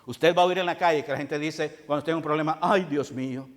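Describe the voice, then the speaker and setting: A man delivers a sermon to a congregation, his fairly high voice carried by long reverb in a large hall. He asks rhetorical questions and answers them himself. He swings between loud, urgent lines and quiet, falling ones. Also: brisk. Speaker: preacher.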